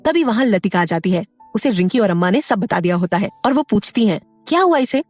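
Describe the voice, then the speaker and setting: A woman narrating an audio drama in an expressive storytelling manner. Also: mid-range voice, a little fast, no echo, faint music behind.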